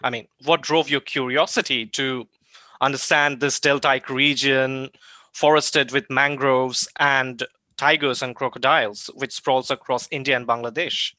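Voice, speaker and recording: Host: man, crisp bright tone, formal and polite, dry close sound. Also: medium pitch, steady tone, measured pace, no echo. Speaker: podcast host and interviewer. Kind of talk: scripted introduction and interview questions.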